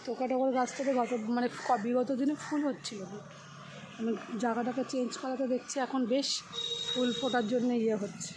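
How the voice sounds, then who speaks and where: A somewhat high-pitched woman in her forties talks in a chatty, rambling way, her voice a little hoarse from strain. She is outdoors in a garden, and the recording carries clear background noise with birds and crows calling. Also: steady tone, moderate pace. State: slightly hoarse voice. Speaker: vlogger. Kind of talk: casual garden vlog chat.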